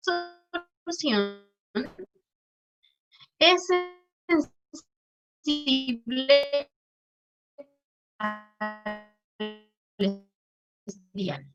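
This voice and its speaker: A woman professor giving an online lecture, halting with many restarts, her audio choppy and robotic from a bad connection. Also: sits high, lively intonation, over music. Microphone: computer mic on a video call. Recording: dull lo-fi online call audio.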